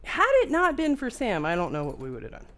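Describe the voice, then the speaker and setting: A woman's voice: fairly low pitch, huge pitch swings, fast, a bit bright. A woman running a hands-on repair tutorial, chatting casually and jumping between a personal story and narrating each step of her work at the bench. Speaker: microsoldering repair technician and instructor. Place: repair workbench.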